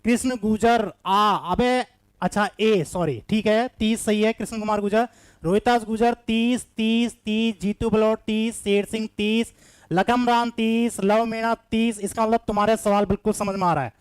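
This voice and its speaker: Male teacher, high voice, smooth and clear, coaxing, repeats himself, live class. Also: fairly even intonation, a little slow, no room sound. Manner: coaxing, repetitive, reads out students' answers by name. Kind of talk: live online maths reasoning class.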